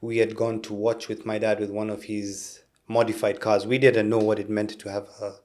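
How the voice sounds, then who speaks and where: A man with a fairly low voice, chatting easily as a podcast guest. He tells his stories in a relaxed, conversational way, dropping in a casual "dude" or "huh?". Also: normal speed. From Kenya. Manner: relaxed storyteller, tags lines with "dude" and "huh?". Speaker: guest, car builder. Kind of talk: casual interview chat.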